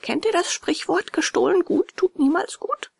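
A woman's voice: very high-pitched, lively intonation, moderate pace, gravelly, no room sound, clean studio sound, pitched above the performer's own voice, full character voice. A woman voicing an earnest, remorseful wooden puppet boy in a storybook, talking eagerly and pleading.

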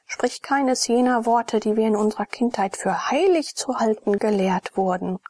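A woman's voice: fairly high pitch, moderate pace, a little mellow, no room sound, lightly acted. A woman voicing a troubled young priest, half-whispered and earnest, in an audiobook reading.

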